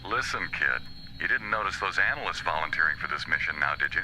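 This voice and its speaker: An actor playing a cocky, grumbling rebel captain with a wry, sarcastic, offhand manner in a space adventure audio drama. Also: male voice, a bass voice, animated, quick pace, bright, forceful tone, a little hiss or hum, full character voice, poor audio. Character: cocky, grumbling, sardonic male smuggler turned rebel captain.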